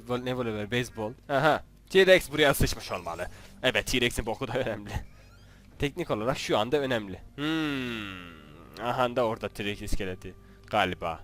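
A man's voice: medium pitch, fairly bright tone. A young man giving casual, jokey commentary while playing a video game, teasing the characters on screen. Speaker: gaming YouTuber. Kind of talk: casual Let's Play commentary.

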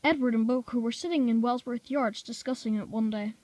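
A woman's voice: on the high side, brisk, darkish tone, no room sound. A woman reading a homemade toy-train story aloud in a plain manner, with small slips now and then. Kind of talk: amateur reading of a fan story.

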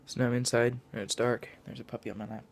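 A fast-talking teenage boy with vocal fry and a medium, fairly flat pitch vlogs on his phone at arm's length, his voice nasal and congested from blocked sinuses. Rambling and jokey, he mocks himself, first out in cold woods and then inside.

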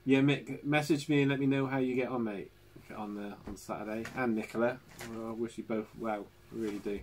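A man's voice: medium pitch, steady tone, brisk, slight background noise. A man hosting a casual live stream from home, chatty and laughing often as he talks to viewers. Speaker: channel host. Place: home living room.

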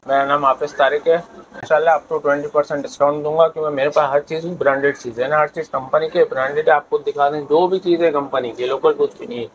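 A man's voice: fairly high pitch, fairly even intonation, fast, dull audio, slight background noise. A man with a Pakistani Urdu accent, a shopkeeper earnestly promising branded goods and discounts in a mall shop. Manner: earnest, repeats that everything is branded. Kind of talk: sales pitch to camera.

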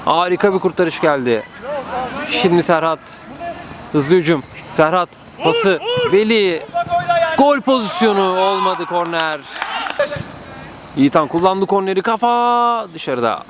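A man narrates a football match as it happens, bursting with excitement and rising to drawn-out screams on every goal. Noise from the outdoor pitch sits in the background.

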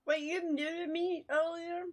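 A woman's voice: very high-pitched, level tone, measured pace. A young woman streaming a game, chatting casually and giggling as she talks back to her viewers. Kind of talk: casual chat while gaming.

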